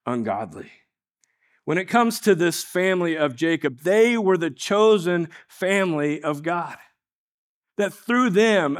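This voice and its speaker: A man preaching a sermon, reading scripture aloud and breaking off into casual asides and rhetorical questions. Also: fairly high pitch. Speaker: pastor.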